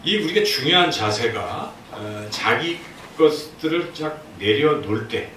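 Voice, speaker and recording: A man's voice: mid-range voice, expressive, unhurried, slight background noise. Preaching man in an echoey church. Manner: emphatic preaching, swinging between loud and soft. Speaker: pastor. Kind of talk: sermon. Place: church sanctuary. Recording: very echoey hall, distant mic.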